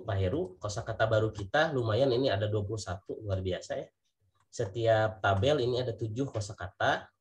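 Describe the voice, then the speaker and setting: A man with an Indonesian accent teaching an Arabic vocabulary class, patiently repeating each word and point. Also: medium pitch. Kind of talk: online class lesson.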